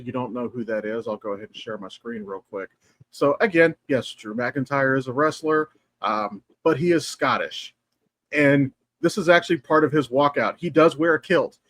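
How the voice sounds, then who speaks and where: Excitable foul-mouthed podcast man. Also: no room sound. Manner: animated, profane, jumps in pitch when excited. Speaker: podcast co-host. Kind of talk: casual podcast chat.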